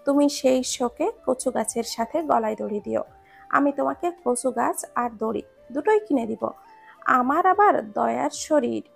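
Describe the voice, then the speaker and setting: A woman's voice: sits high, lively intonation, a little slow, creaky, slightly rough, soft background music, full character voice. A woman reading a story aloud and voicing a playful young man who teases his grandmother. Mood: teasing. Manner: joking, cheeky.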